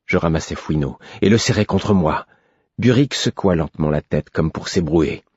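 A man reading a novel aloud in measured, grave first-person narration. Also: sits low, a little mellow, husky, dry recording, highs cut off. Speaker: audiobook narrator.

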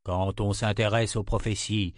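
A man reading a fantasy audiobook voices a grave male prophet who muses slowly and hesitantly. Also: on the low side, level tone, no room sound, studio quality, pitched below the performer's own voice, natural voice. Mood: musing.

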